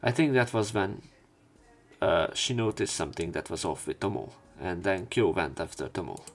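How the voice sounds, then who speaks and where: A low-voiced man acting as a let's play commentator reads visual novel narration aloud, adding halting, casual asides in which he corrects himself.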